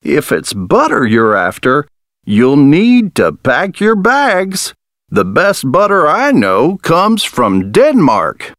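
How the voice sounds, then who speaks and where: A man voicing a sly, bearded old farmer in a storybook, boasting slowly and pleasantly. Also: on the high side, huge pitch swings, a bit bright, dry recording, studio quality, heavily acted. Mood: sly, boastful.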